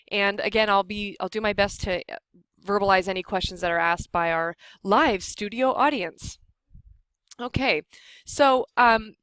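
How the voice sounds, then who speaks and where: A woman with an American accent leading an informal software workshop, explaining things in a conversational way. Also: medium pitch, dry recording. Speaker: workshop instructor. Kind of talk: informal software tutorial for a live group.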